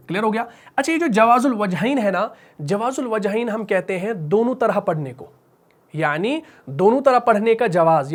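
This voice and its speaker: In a high-pitched voice and a Pakistani Urdu accent, a male teacher gives a tajweed lesson at the whiteboard on how to recite the Quran. He draws out example words slowly and fires questions at his students, then supplies the answers on his own.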